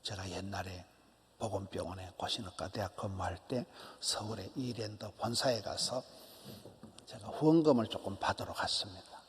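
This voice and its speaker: In a reverberant church sanctuary, a man in his sixties preaches an early-morning sermon with a Gyeongsang Korean accent. His fairly low voice moves at a moderate pace, animated and emphatic, repeating short, punchy phrases and at times dropping to a whisper.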